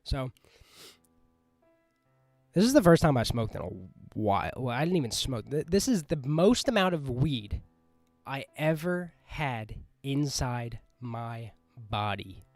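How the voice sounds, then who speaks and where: A young man telling a rambling, excitable story in a casual vlog, swearing and mocking himself. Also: a little high, normal speed, pauses often, dry recording, faint music behind. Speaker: storytime vlogger.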